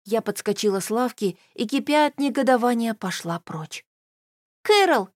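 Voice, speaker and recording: A woman tells a first-person audiobook story with expressive delivery. Her voice sits high and the recording is dry and close. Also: moderate pace, no echo. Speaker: audiobook narrator.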